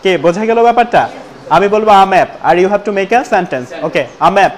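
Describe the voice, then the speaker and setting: A man teaching a spoken English class, prompting students again and again and slowing right down to model each sentence. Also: sits high, animated. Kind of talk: classroom lesson with call-and-response drills. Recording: loud room noise and class chatter. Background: students answering in chorus.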